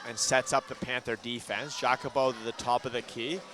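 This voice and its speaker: A man gives brisk live play-by-play of a school basketball game in a mid-range voice with fairly even intonation, getting loud on big shots. A ball bounces in the gym behind him.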